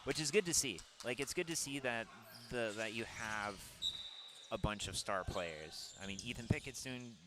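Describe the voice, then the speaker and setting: A man with a Minnesota accent commentates a handball game in a loose, chatty way, full of ums and restarts. His voice sits in a middle range, with clear arena noise behind him. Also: mid-range voice, moderate pace. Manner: chatty, rambling, full of fillers. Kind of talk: casual sports commentary.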